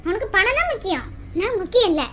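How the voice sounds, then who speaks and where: A woman's voice: very high-pitched, very animated, quick pace, sharp tone, full character voice. A woman voicing a bitter young bride left by her husband, sneering and mocking in a family drama skit. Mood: bitter scorn.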